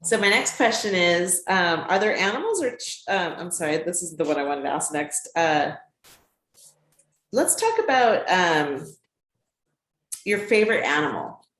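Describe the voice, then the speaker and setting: Lower-voiced woman hosting in an echoey room. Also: expressive, measured pace. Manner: warm, affirming, many "um" fillers. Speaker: children's book author, teacher, host. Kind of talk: friendly interview hosting.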